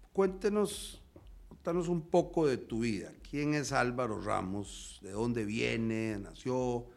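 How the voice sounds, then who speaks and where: Slow, gravelly Costa Rican radio host. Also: male voice, medium pitch. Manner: slow, deliberate, with frequent hesitations. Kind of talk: radio interview.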